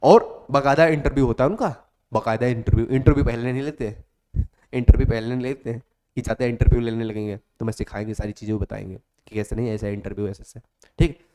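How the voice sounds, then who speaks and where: Man, coaching teacher, motivational, repetitive, coaxing, mid-pitched voice. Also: fairly even intonation, fast talker, dark tone. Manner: repetitive, coaxing, calls students "beta". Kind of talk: motivational classroom talk.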